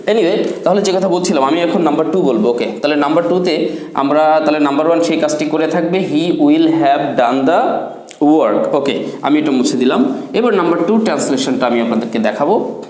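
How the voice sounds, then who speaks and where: A man's voice: on the high side, darkish tone. Man teaching grammar in an echoey room. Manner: slow, drawn-out English example sentences between quick explanations; asks the class questions and answers them himself. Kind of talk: classroom grammar lesson.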